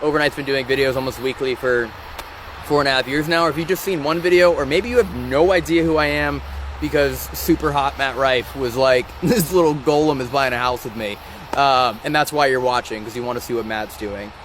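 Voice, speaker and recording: A man hosting a live-stream vlog outdoors, talking in an excitable, rambling and emotional way. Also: mid-range voice, a little fast, slight background noise. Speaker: ghost-hunting channel host. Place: outdoors by a rock wall during a thunderstorm. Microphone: phone or camera on a live stream.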